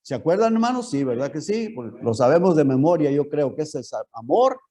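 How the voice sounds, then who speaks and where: A male pastor teaching a Bible lesson in church. His voice sits a little high, yet it has a mellow, warm tone. He keeps putting rhetorical questions to his listeners. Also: sing-song, brisk.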